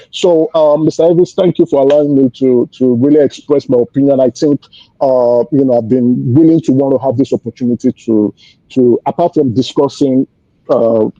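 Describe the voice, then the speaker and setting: A Nigerian man speaking as a panelist in a political debate, self-assured but often pausing and repeating his words. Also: on the high side, mellow. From Lagos, Nigeria. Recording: muffled, echoey online audio.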